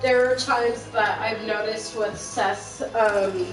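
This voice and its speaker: A woman talks on and on in a rambling, self-conscious way as a stream co-host. She sounds set back from the mic in an echoey room. Game music plays loudly behind her. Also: fairly high pitch, steady tone, takes it slowly. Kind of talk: casual chat during a game stream. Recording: distant mic in a roomy space with game music.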